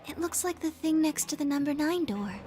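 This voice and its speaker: An actress voicing a bright young woman who is a companion in a video game. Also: sits high, lively intonation, fairly quick. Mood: curious. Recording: game audio with music behind.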